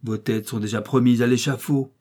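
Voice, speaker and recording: A man's voice: steady tone, brisk, a little mellow, natural voice. A man voicing a brave detective who defies his captors in ringing, declamatory speech in an audiobook reading. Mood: defiant. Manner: ringing, declamatory, raised pitch. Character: defiant male detective, brave, indignant.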